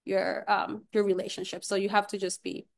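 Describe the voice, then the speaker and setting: A woman's voice: mid-range voice, flat delivery, brisk. A woman from Puerto Rico speaking on a panel as a community researcher, earnest, with frequent restarts and fillers. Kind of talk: panel discussion.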